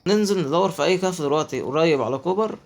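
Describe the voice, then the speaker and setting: Man, Egyptian Arabic accent, gaming commentary, rapid, slightly high voice, chatty. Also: lively intonation, darkish tone. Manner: chatty, talking to himself and viewers as he plays. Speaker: gaming YouTuber. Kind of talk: let's play commentary.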